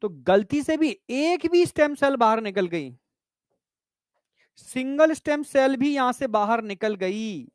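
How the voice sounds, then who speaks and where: Very high-pitched and expressive, a man delivers a biology lecture at a measured pace, breaking ideas into steps and frequently confirming students are following. He uses "bhai" and "beta" with them, in a dry, clean studio recording.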